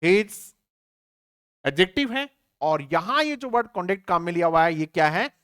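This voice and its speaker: A man teaches an online exam-prep English lesson, asking rhetorical questions and answering them himself while spelling words out letter by letter. He talks to students familiarly and checks their understanding. His high voice is smooth and a bit bright, with lively intonation at a normal speed.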